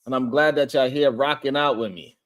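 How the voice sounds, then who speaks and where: A man's voice: medium pitch, steady tone, brisk. A man hosting a casual livestream, talking loosely and rambling as he greets viewers in the chat and chuckles often.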